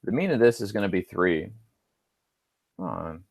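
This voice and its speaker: A man's voice: sits low, lively intonation, normal speed, creaky, no echo. A male instructor talking through homework answers on screen, casual and thinking aloud with dry little asides. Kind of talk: screen-recorded homework walkthrough.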